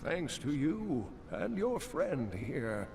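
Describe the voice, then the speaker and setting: Deckard Cain, creaky old scholar. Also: male voice, medium pitch, sing-song, full character voice. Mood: grave, grateful. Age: older. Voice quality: creaky, aged. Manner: measured, theatrical, solemn. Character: kindly, frail old male scholar, grave and learned. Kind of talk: video game character acting. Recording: echoing, with game music behind.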